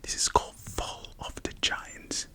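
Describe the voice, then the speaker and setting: An ASMR performer plays a librarian in a whispered role-play, using a hushed library whisper. She explains things softly and haltingly, correcting herself along the way.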